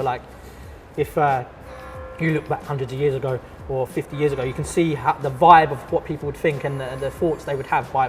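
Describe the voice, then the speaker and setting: This easygoing London man, an artist and art teacher, chats in a casual interview. His voice sits at medium pitch, and his relaxed delivery is full of fillers and restarts.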